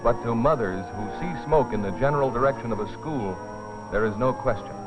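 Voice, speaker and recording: A man narrates a safety training film as a dramatic scripted story, grave, urgent and theatrical. His voice is mid-range and fairly quick. The soundtrack is dull and vintage, with music.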